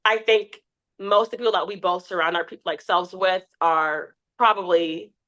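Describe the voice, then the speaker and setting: This woman in her twenties has a lowish voice and speaks at a normal speed. She's a TikTok creator guesting on a podcast, chatting openly in a casual interview and bringing her stories to life with acted-out quoted asides.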